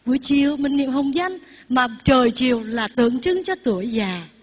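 A woman's voice: high-pitched, expressive, normal speed, slightly rough. An older woman, a Buddhist nun giving a Dharma talk and leading her congregation in recitation. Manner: leads the congregation in call-and-response recitation. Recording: echoey hall, dull lo-fi sound, faint music.

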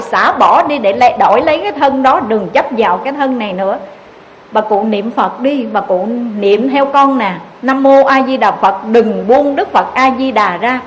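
High-voiced woman giving an earnest sermon. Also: a little hiss or hum, rough recording. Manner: earnest, exhorting, repeats rhetorical questions to listeners. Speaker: Buddhist nun giving a dharma talk.

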